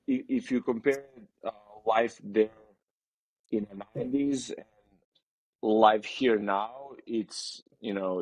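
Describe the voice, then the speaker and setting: A man's voice: fairly low pitch, dry recording, rough recording. A man from Serbia, talking as a guest in a casual interview, hesitant with many fillers and restarts.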